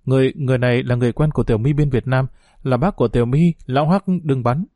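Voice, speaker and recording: A nervous, cowardly fixer stammers and pleads, as a male narrator plays him. The tone is mellow and close, with a dry sound. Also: medium pitch, quick pace, no echo, lightly acted.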